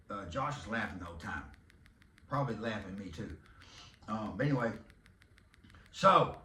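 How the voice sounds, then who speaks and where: A Texan podcast host in his fifties rambles and jokes through a casual monologue, hollering every so often. His mid-range voice is gravelly, pushed and bright, recorded off-mic in an echoey room.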